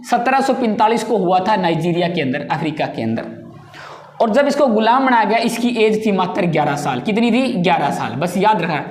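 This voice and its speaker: A woman's voice: mid-range voice, a little mellow. A woman teaching a general knowledge lesson, asking a question and then answering it herself, and repeating key points. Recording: echoey room.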